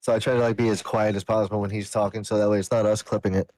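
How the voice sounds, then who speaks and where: A man's voice: on the low side, flat delivery, racing, darkish tone, no echo. Laid-back American man, dry sound. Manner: laid-back, swears casually. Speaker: podcast co-host. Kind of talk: casual chat.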